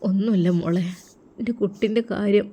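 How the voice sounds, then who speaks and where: A woman's voice: mid-range voice, fairly even intonation, brisk, dark tone, breathy edge. Weary old father, as a woman voices him, subdued, few words, storybook. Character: grieving elderly father, weary and tearful.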